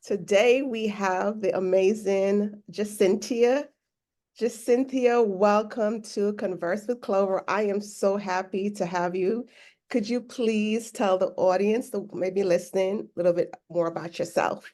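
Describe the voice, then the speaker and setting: A podcast host interviews a guest, her medium-pitched voice fairly even and her pace measured. She is warm and encouraging, speaking of God's grace in religious terms.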